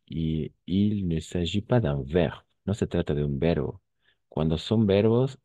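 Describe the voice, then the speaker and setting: A man's voice: deep voice, mellow, breathy edge, no room sound. A male French teacher giving an online class, patiently repeating words and switching into Spanish to explain them.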